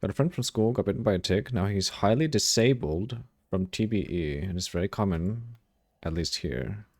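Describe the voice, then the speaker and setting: Give me a deep-voiced man casually commentating his game stream, swearing and reacting to chat. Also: moderate pace, dry recording, studio quality. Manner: swears freely, reacts loudly, reads chat messages aloud. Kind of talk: casual live-stream commentary while gaming.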